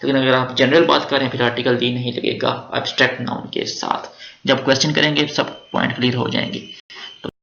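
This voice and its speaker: Gravelly Pakistani man teaching grammar. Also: medium pitch, little pitch movement, fairly quick, bright, forceful tone, slight background noise. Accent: Pakistani Urdu with Punjabi touches. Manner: chatty, explains step by step, joking asides. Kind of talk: exam-prep grammar lecture. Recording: roomy, dull lo-fi recording.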